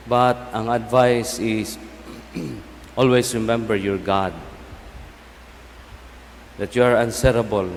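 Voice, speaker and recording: A Filipino man, a native Cebuano speaker, preaching as a priest in a solemn, measured way with pauses between short phrases. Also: medium pitch. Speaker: priest giving a homily. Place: large church, speaking through a sound system. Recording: long basilica echo, some background noise.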